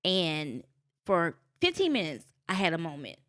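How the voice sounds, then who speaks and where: Guesting on a podcast, a woman tells her story casually and animatedly, switching into high voices whenever she quotes someone. She speaks at a measured pace.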